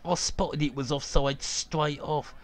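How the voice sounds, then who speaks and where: A man's voice: a little high, fairly even intonation, a little slow. Chatty, opinionated football commentator man. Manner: chatty and opinionated, laughs at his own jokes. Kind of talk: casual live match commentary. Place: outdoor football stadium on a cold evening.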